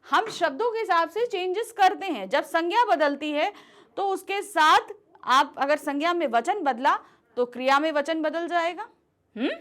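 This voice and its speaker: A woman teaching a grammar class speaks in a high, bright voice whose pitch rises and falls widely as she explains. She poses questions to the class and answers them herself, frequently checking that everyone is following with "ठीक है?".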